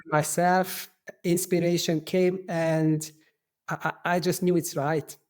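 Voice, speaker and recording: A middle-aged man from Hungary with a strong Hungarian accent, a podcast guest who talks in an earnest, halting way. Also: on the high side, flat delivery, a little mellow. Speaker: podcast guest, qigong instructor.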